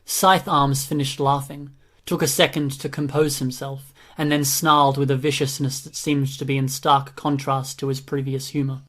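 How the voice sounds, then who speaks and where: Audiobook narrator, male, mid-range voice, flat steady delivery. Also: medium pitch, moderate pace, hardly any pauses. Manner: even, steady reading. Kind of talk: scripted narration.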